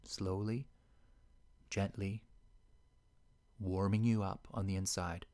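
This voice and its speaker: A man leading a guided meditation in a soft, slow and soothing voice that sometimes sinks to a whisper. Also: low voice, flat delivery.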